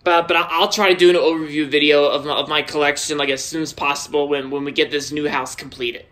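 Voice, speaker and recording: A young man with a slightly high, fairly bright voice narrates a casual, unscripted tour of his new house, walking room to room indoors with a handheld phone held off screen. He talks at a quick pace in a level tone, rambling, repeating words and restarting sentences.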